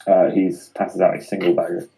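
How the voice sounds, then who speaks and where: A man's voice: low voice, level tone, moderate pace, mellow. A man with a laid-back, hesitant manner, playing a character in a tabletop game. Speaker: player. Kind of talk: casual tabletop play.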